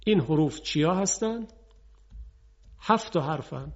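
A man teaching Quran recitation, slowly and deliberately enunciating letter sounds for his students. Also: a little high, expressive, darkish tone. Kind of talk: scripted instructional lesson. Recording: dull lo-fi broadcast audio.

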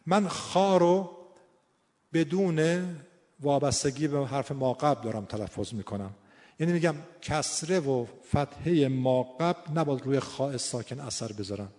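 A man's voice: mid-range voice, a little mellow. Man teaching recitation in a reverberant hall. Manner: explains, then demonstrates sounds by repeating and drawing out syllables. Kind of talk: tajwid lesson with demonstrated recitation.

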